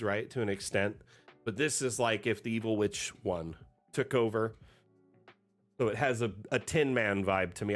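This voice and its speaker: A man hosting a livestream as community manager, chatting casually and rambling with many fillers, often trailing off quietly at the ends of phrases. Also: lowish voice.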